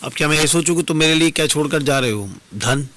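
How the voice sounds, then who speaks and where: A man's voice: on the high side, fast talker, sharp tone, voice pushed up. A man performing dastangoi, voicing a grieving young queen who pleads with and laments to her departing lover in formal, literary speech. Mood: resigned. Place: radio studio.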